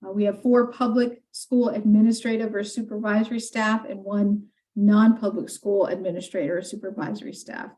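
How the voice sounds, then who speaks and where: A woman gives a committee briefing in a mellow, darker-toned voice. She explains steadily and leans on frequent fillers as she goes. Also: medium pitch, fairly even intonation, normal speed, few pauses, low-quality recording. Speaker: legislative staff presenter.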